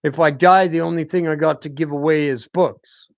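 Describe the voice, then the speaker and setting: Steady in tone and fairly high-pitched, with vocal fry, a channel host speaks at a moderate pace. A self-styled teacher, he rambles through a spiritual monologue, repeatedly asking "hmm?", in a dry, dull, lo-fi recording without echo.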